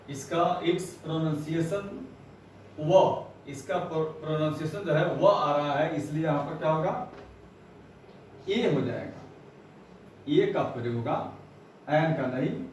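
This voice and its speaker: A male teacher giving a grammar lesson, slowly spelling out words and repeating them, mixing in English phrases. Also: a little high, a little hiss or hum. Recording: echoey room, voice far from mic.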